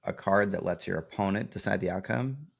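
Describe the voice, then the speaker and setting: A man's voice: sits low, a little fast, vocal fry, slightly rough. A young man co-hosting a casual card game podcast, laughing often and hedging his opinions. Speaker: podcast co-host. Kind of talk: casual chat.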